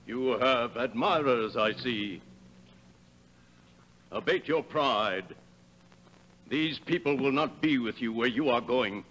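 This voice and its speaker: An actor playing a stern, powerful king who speaks in a measured, commanding way in 1950s stage tragedy style. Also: medium pitch, bright, forceful tone, husky, heavily acted, poor audio.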